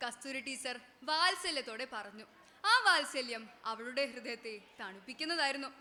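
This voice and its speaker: A woman's voice: high voice, lively intonation, moderate pace, bright, forceful tone. A woman performing a story on a school stage in the kathaprasangam style, declaiming dramatically and breaking into sung verses. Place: school stage at an annual day event.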